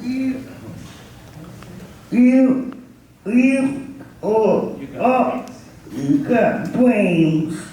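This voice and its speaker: A man playing Dorothy in an amateur stage play, speaking haltingly and repeating words, heard from far off in an echoey, noisy room. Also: extremely high pitch, expressive, warm tone, full character voice. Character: young girl Dorothy, grateful.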